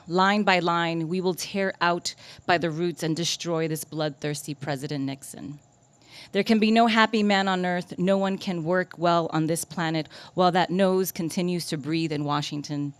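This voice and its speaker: A woman poet reads her work at a coffee shop poetry night, her voice sitting a little low. She takes the lines with deliberate, measured care. Between pieces she turns chatty and makes fun of herself. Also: clean tone, dry recording. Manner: deliberate, measured delivery of poems, chatty and self-deprecating between them. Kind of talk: live poetry reading with casual asides. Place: coffee shop reading event.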